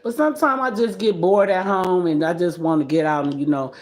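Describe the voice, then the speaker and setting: A woman in her sixties hosting a casual livestream, talking bluntly and scolding with animated trash talk. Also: fairly low pitch, fairly quick. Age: 60s. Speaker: livestream host.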